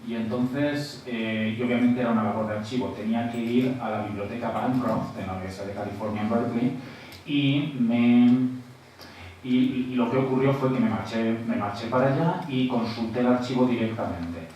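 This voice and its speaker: A man's voice: mid-range voice, fairly even intonation, normal speed, a little mellow, highs cut off. Man lecturing in an echoey auditorium. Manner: explanatory, tags points with "¿eh?" and "muy bien". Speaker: panelist at an academic round table. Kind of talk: conference presentation. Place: large auditorium. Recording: echoey hall picked up from far off, faint noise.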